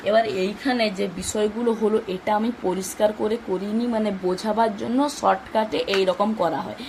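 A woman's voice: medium pitch, background noise. Woman teaching math step by step. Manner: explains step by step, asks and answers her own questions. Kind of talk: exam-focused math lesson.

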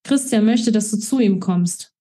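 A woman's voice: medium pitch, unhurried, warm tone, slightly rough. A woman reading an easygoing young band member. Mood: teasing.

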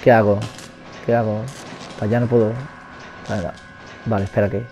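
A young man with a Spain Spanish accent, giving nervous, rambling, joking commentary while playing a horror game and shouting at its enemies. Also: lowish voice, little pitch movement, a little fast, over music. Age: young adult. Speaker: let's play gamer.

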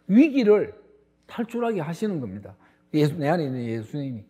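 A man's voice: fairly high pitch, big pitch swings, a little fast, warm tone, husky. A middle-aged male pastor delivering a sermon, stressing words emphatically and turning to the congregation with asides.

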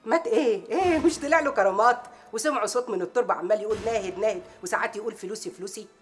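Brash Egyptian housemaid, played by an actress, proverb-spouting, mocking, rapid-fire, highish voice, faint music. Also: female voice, close to an everyday voice. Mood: indignant. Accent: Egyptian Arabic. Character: bold sharp-tongued Egyptian housemaid, woman, middle-aged. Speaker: housemaid confronting her employer's rival. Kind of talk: TV drama acting.

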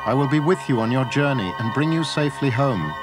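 Deep solemn god voice in a kids bible story, a man doing it, big music behind. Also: animated, a little fast, close to an everyday voice. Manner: solemn and promising. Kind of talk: storybook character voice. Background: loud music.

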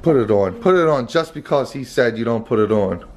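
A middle-aged father scolds and swears his way through a casual family vlog. His voice is middle-pitched and rises and falls a lot. He is blunt and coarse in the way he talks. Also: expressive, brisk, a little mellow, slight background noise.

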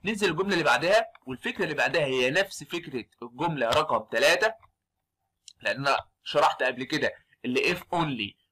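A man with an Egyptian Arabic accent giving a fast exam review of English grammar, constantly firing quick questions at his students. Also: fairly high pitch, animated, sharp tone, a little hiss or hum. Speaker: English teacher.

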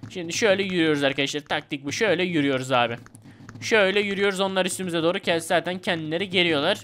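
A young man giving casual, excitable gameplay commentary and shouting at enemies in slang. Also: sits high, very fast, slight background noise. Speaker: gaming YouTuber. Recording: game music faint behind. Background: game music.

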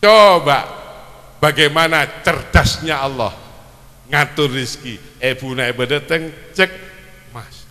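A man's voice: fairly high pitch, slow, long pauses, pushed and bright, in a large hall. A middle-aged man with a Madurese accent, preaching a sermon at a religious celebration and pressing the crowd with questions. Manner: quizzes the crowd, urging them to answer. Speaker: Islamic preacher (kyai).

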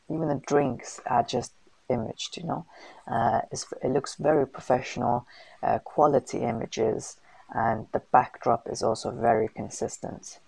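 A man's voice: mid-range voice, vocal fry, darkish tone, slightly rough, no room sound, low-quality recording. A man hosting a casual screen-recorded tutorial, chatty and full of fillers and slang. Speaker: host of a food business channel.

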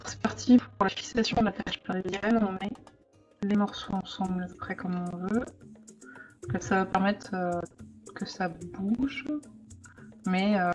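A woman thinking aloud as she makes a card, with frequent hesitations and the odd hushed aside. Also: lowish voice. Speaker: crafting vlogger. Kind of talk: casual crafting tutorial. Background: background music.

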